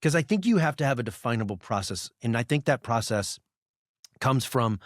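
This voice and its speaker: A man's voice: mid-range voice, animated, moderate pace, no room sound, studio quality. A man hosting a podcast in casual talk, blunt and emphatic, with frequent swearing. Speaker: podcast host, business owner. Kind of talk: casual conversation.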